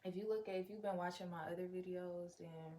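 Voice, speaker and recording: A woman's voice: on the low side, fairly even intonation, a little fast, warm tone. A young woman chatting casually to viewers as a vlogger, in an unfiltered, rambling, slangy way with plenty of swearing. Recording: clear background noise, room ambience.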